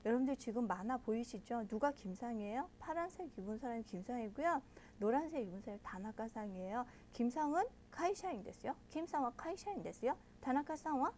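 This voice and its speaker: Brief: bright high-pitched female teacher, patient, walks learners through each point. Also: lively intonation, a little hiss or hum. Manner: patient, explains step by step and checks in with listeners often; models pronunciation slowly and loudly. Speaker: Japanese language teacher. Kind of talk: online language lesson.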